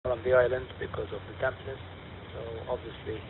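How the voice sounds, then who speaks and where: A man's voice: medium pitch, level tone, fairly quick. A man, an amateur radio operator giving brief, clipped call-sign check-ins over a radio transmission with static. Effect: radio transmission with room static. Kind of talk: casual radio net check-in. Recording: tinny radio link with clear static hiss.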